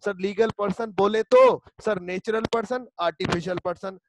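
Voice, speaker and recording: A man's voice: high-pitched, fairly even intonation, moderate pace, gravelly, noisy background. A male law teacher, giving an online class lecture and drilling students by repeating key terms. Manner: repetitive, drilling students with call-and-response.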